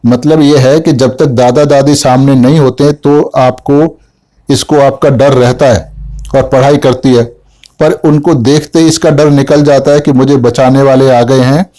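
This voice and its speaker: A man's voice: mid-range voice, steady tone, measured pace, dark tone. A middle-aged man, a homeopathic doctor, narrating a patient case and voicing the mother's replies in first person.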